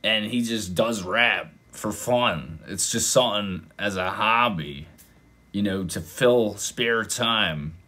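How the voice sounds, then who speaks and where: A man hosting a reaction video, casually commenting and getting excited, sometimes exclaiming loudly. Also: on the low side, slow. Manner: excitable, exclaims and breaks into mock voices.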